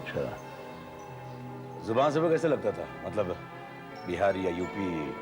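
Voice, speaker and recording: An actor playing a brisk, direct investigator who questions his team and gives orders in a TV serial. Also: low voice, big pitch swings, music in the background, heavily acted. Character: commanding retired officer detective, brisk. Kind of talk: TV serial acting.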